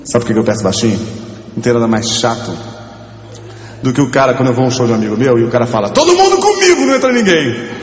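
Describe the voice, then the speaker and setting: A man on stage as a comedian, bossily coaxing a live audience with sudden shouted bursts. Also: medium pitch, racing, pauses often, muffled recording, slight background noise. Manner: animated, bossy coaxing of the crowd, bursts into shouting. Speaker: comedian leading an audience sing-along. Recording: echoey live hall with music.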